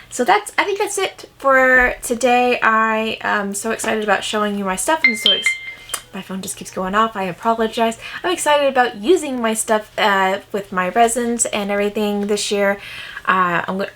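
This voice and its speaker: A woman's voice: medium pitch, fairly bright tone. A woman chatting casually to camera from her room, rambling with fillers and correcting herself as she goes. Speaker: craft vlogger. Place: bedroom set up for filming.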